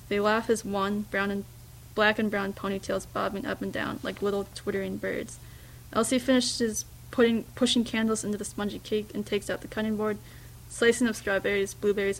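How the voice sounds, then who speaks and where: A woman reading a first-person story aloud, in a hushed, reflective way with small slips and restarts. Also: mid-range voice, gravelly, slight background noise, poor audio. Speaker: reader.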